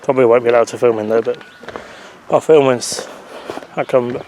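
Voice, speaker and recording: A male travel vlogger rambles chattily into a handheld camera mic, correcting himself as he walks through countryside and onto a rail platform. His middle-pitched voice is steady, a little mellow, and at normal speed, with faint wind and distant traffic behind it.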